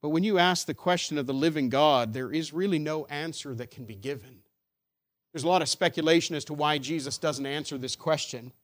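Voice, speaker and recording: A man preaching a sermon, building emphatic rhetorical questions that swell louder and drop soft. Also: on the high side, a little fast. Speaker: pastor.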